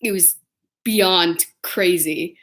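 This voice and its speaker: A young woman casually telling convention stories to the camera, chatty and excitable, acting out what people said. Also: fairly low pitch, extremely slow. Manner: chatty, excitable, acts out quotes in different voices. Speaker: vlogger. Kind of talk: casual storytelling vlog.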